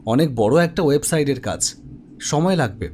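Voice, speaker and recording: A man with a medium-pitched, darkish, expressive voice plays an office web developer telling his own ghost story in scripted first person, dramatic and suspenseful, at a moderate pace. The acting is light and the mood reflective, with music behind him and a slight hiss or hum.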